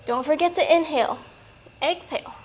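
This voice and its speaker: A woman coaching a workout in a peppy, encouraging manner, a little breathy from exertion. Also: sits high, moderate pace, rough recording. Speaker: fitness coach. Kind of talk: workout instruction.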